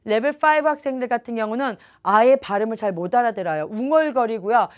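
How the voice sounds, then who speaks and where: High-voiced Korean woman lecturing. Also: lively intonation, fast talker. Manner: explanatory, emphatic, repeats key points. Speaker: English test prep instructor.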